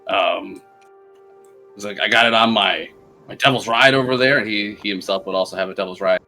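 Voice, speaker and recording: A man's voice: fairly low pitch, a little fast, pushed and bright, soft background music, pitched below the performer's own voice. A man voicing a brash, scheming male warlord who rides a hellish motorbike, talking in a swaggering, folksy, pushy way during a tabletop game. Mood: friendly. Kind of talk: tabletop game role-play. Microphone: streaming microphone.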